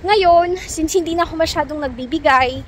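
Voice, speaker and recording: Her voice is very high-pitched and moves at a normal speed, with slight background noise. Out in the cold, this young woman from the Philippines tells stories to her viewers in a chatty vlog, laughing a lot despite being sick, tired and low.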